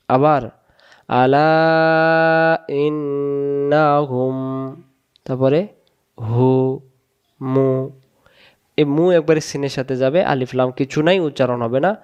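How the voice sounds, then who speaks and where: A man teaching Quran reading, sounding out Arabic syllables one at a time and then joining them in a slow recitation lesson. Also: medium pitch, fairly even intonation, darkish tone, lo-fi sound.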